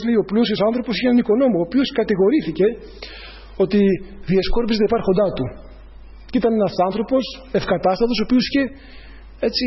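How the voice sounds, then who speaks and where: An earnest male preacher delivers a sermon in a plain, personal way. His voice sits high and sounds husky. The recording is dull and lo-fi. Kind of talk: evangelical sermon.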